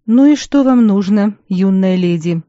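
A stern, sardonic stepmother from an audiobook, as a woman reads her part, speaking in a gruff, dry way. Her tone is mellow and warm. The recording is dull and lo-fi with a dry, close sound. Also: fairly low pitch, moderate pace, no room sound, lightly acted. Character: stern wry injured adult woman, stepmother.

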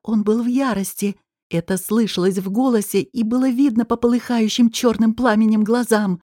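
Woman narrating an audiobook in a dark tone. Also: on the high side, fairly even intonation, normal speed, dry recording, studio quality. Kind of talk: first-person audiobook narration.

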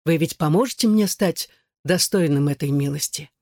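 A man's voice: on the high side, moderate pace, darkish tone, no echo, studio quality, natural voice. A man reading as a young earnest emperor. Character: young newly crowned male emperor, earnest.

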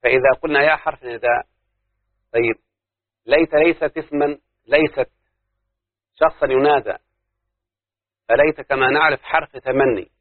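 A man's voice: medium pitch, normal speed, long pauses, no room sound. A man with an Egyptian accent teaching a grammar lesson to a class, explaining step by step and putting questions to his students. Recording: tinny phone-like dry recording.

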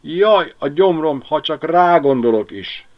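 A man's voice: mid-range voice, sing-song, pitched above the performer's own voice, natural voice. A man voicing a fussy barn animal that whines about its stomach and mocks others, on a dull lo-fi recording. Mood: whiny. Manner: whining and mocking.

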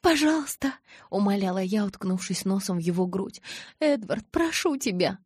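A woman's voice: medium pitch, expressive, moderate pace, darkish tone, dry recording, studio quality, close to an everyday voice. A woman voicing a tearful, pleading young woman. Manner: pleading, breaking with sobs. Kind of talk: audiobook reading.

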